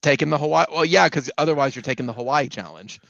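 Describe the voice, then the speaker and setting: A man hosts a loose, joking sports chat from home, his voice pitched a little high with a gravelly fry. The sound comes over a video call, dry and somewhat muffled. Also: animated, quick pace, fairly bright tone, dry recording. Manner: loose, joking, wraps up the show. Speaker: podcast host.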